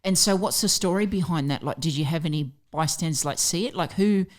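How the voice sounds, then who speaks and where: A woman's voice: low-pitched, a little fast. A woman hosting a podcast interview and asking curious follow-up questions. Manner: inquisitive, asks follow-up questions. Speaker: podcast host.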